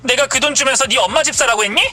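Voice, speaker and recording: Woman reading as an angry young wife, sharp scolding tone, very high voice, bright and tense, light music behind. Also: racing. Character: angry young wife confronting her in-laws.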